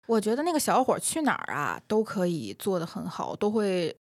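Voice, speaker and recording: A woman drops wry, teasing remarks into a relaxed podcast conversation. Her voice sounds dry and close, with no room around it. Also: medium pitch, brisk, no echo. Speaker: podcast co-host. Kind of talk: casual chat.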